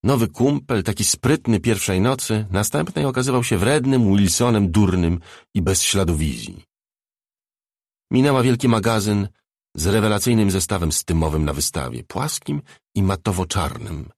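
Deep gravelly male audiobook narrator. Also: lively intonation, moderate pace, darkish tone, no echo, clean studio sound. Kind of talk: scripted narration of a novel.

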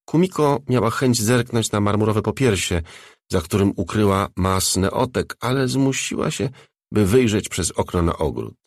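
Husky, expressive male audiobook narrator. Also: lowish voice, moderate pace, no echo, studio quality. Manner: expressive, shifts voices for characters. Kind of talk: scripted narration.

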